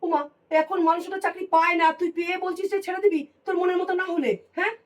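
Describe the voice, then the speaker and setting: An actress playing a nagging elder aunt in a family drama, scolding and insistent about marriage. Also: female voice, extremely high pitch, little pitch movement, very fast, distant mic.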